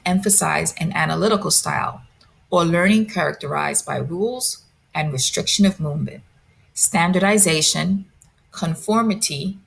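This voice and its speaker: A woman presenting a lecture, reading a prepared script in a measured, deliberate way. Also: deep voice, creaky.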